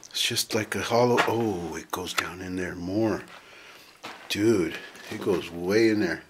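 Guy vlogging outdoors in caves, talks slow, lots of whoa, camera mic picks up outdoor noise. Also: deep voice. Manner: excited exclamations, drops to a hush in tight spots. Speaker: vlogger exploring a canyon. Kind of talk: casual running commentary. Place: outdoors in rock canyons and caves. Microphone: handheld camera.

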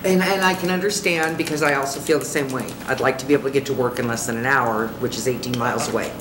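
A woman's voice: a bass voice, steady tone, fast. A woman on a city council, blunt and frustrated, questioning a presenter. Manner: blunt, frustrated, plain-spoken. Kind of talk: questioning at a public council meeting. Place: large council chamber, seated at the dais. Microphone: desk microphone. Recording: echoey noisy council chamber.

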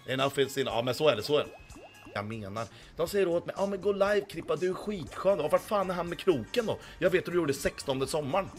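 Hoarse male streamer, crude boastful banter, faint music under him. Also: a little high. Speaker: livestreamer. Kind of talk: casual livestream chat, reading chat.

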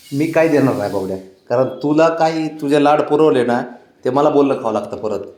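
A man's voice: medium pitch, normal speed, mellow. A man chatting with his pet cats at home in a coaxing, teasing baby-talk manner. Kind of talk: casual talk to pets. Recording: echoey room.

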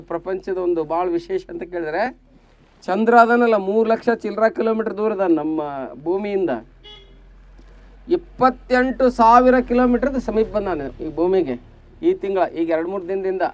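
A man's voice: high voice, no echo. A man with a North Karnataka accent gives a devotional storytelling talk to children, constantly putting questions to his listeners. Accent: North Karnataka Kannada. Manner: keeps asking the audience questions. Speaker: speaker at a children's devotional program.

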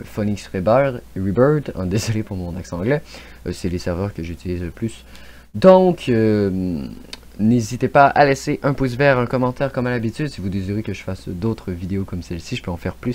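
Excitable gamer, low voice. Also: male voice. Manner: excitable outbursts during play, chatty asides to viewers. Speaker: YouTube gamer. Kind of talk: let's play commentary and channel outro.

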